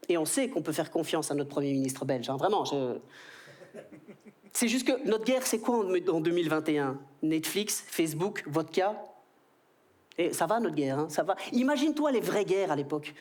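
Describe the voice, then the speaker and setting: Man, 30s, Belgian French accent, stand-up comedy, on stage, high-ish voice, animated. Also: normal speed. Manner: animated, jumps into quoted voices. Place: stage before a live audience.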